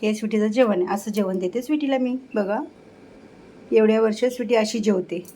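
A woman's voice: mid-range voice, fairly quick, dark tone, poor audio. A middle-aged woman, chatting casually through a home vlog in her kitchen and cooing in baby talk to her pets. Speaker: home vlogger.

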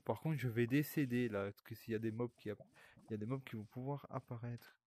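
A man's voice: mid-range voice, fairly even intonation, fairly quick, darkish tone. Rambling guy gaming in VR. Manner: rambling, swears often, talks to viewers. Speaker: streamer playing a VR game. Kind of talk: casual gaming commentary.

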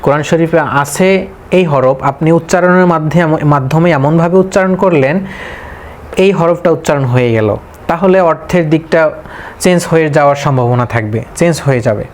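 A man with a Bangladeshi Bengali accent teaching a tajweed lesson, repeating letters one by one in a slow, patient drill. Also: fairly high pitch. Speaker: Quran recitation teacher.

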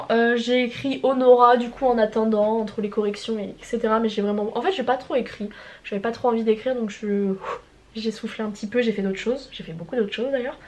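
Chatty young woman with a stuffy nose. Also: a little high. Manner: rambling, informal, with slang and swearing. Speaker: writer vlogging her progress. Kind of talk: casual chat.

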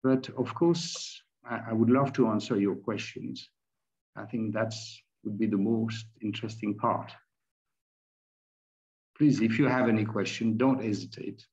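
A man's voice: lowish voice, steady tone, a little slow, darkish tone. French-accented man presenting over dull call audio. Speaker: webinar presenter. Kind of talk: informal presentation and answers. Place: plain room indoors. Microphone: laptop mic on a video call.

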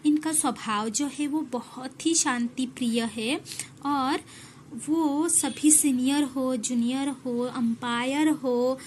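A woman's voice: sits high, fairly even intonation, slow pace, darkish tone. A woman schoolteacher explaining a reading lesson to children, asking questions and answering them herself, with faint background hiss. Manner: asks questions and answers them herself, repeats key lines. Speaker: school teacher.

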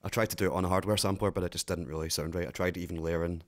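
A man with a Glaswegian accent hosting a synth tutorial, talking in a relaxed, rambling way with plenty of fillers. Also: low-pitched, very fast. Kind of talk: casual tutorial talk.

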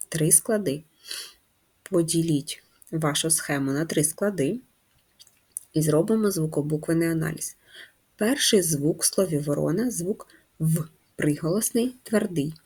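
A woman teaching a handwriting lesson to first graders, patient and slow, guiding the children step by step. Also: on the low side, a little mellow, slightly rough. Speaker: primary school teacher.

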